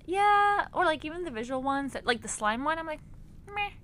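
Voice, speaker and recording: A young woman co-hosting a podcast in casual chat, animated and giggly, filling her talk with "like". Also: sits high, quick pace, slight background noise. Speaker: podcast co-host.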